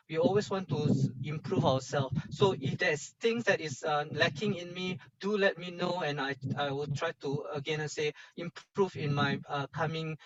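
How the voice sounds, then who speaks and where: A man with a Singaporean accent leading an informal online workshop as lecturer, speaking in halting phrases with colloquial Singlish particles. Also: on the high side, muffled recording.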